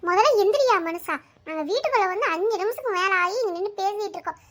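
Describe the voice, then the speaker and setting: A woman's voice: very high-pitched, lively intonation, quick pace. A woman voicing a fiery, fed-up village wife and mother in a cartoon. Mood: scolding. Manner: scolding, quarrelsome.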